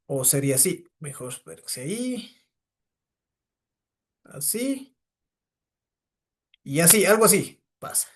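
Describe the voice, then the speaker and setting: A man's voice: a little high, very animated, slow, pauses often. A man teaching a physics class, lecturing and firing questions at his students. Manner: asks the class many rhetorical questions.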